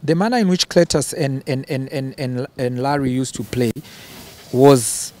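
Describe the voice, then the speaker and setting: A Zambian man answers interview questions in a mid-range, darkish voice at normal speed. He sounds hesitant, often repeating words as he gathers his thoughts and chuckling between phrases.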